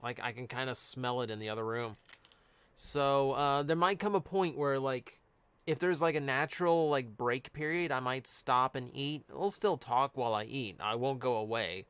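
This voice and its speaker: A man's voice: medium pitch, normal speed, fairly bright tone, smooth, dry recording. Chatty man opening card packs. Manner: chatty, reads out cards, answers chat. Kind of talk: casual live-stream chat.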